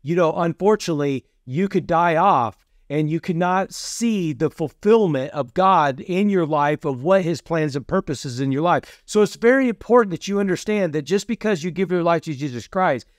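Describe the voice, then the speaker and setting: Hosting a teaching series, a preacher with a fairly high, expressive voice talks at a moderate pace with few pauses. His casual sermon is full of "Amen?" questions and points that start with "So see," both used often. Studio-quality sound, no echo.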